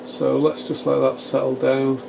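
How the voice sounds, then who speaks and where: A man with a medium-pitched voice and measured pace demonstrates repair work over clear fan noise, thinking aloud and explaining step by step. He presents a radio repair channel, narrating this informal technical demonstration live from a small home electronics workshop while test equipment cooling fans hum steadily.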